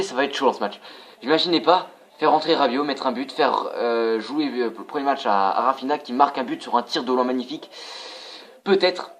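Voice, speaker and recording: A young man casually commentating his own football video game for viewers, excitable and prone to swearing. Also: mid-range voice. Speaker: gaming channel host.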